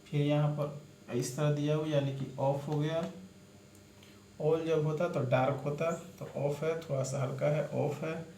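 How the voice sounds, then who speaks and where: Man, shorthand teacher, spells letters out, slow pace, echoey room, faint background noise. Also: fairly high pitch, level tone, warm tone. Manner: spells out letters one by one, addresses viewers as friends. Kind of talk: slow step-by-step lesson.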